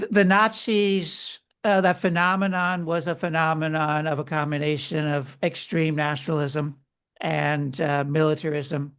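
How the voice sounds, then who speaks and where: A man's voice: fairly high pitch, vocal fry. A man, a guest author, explaining history and ideas at length in a podcast interview. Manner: explanatory, lecturing.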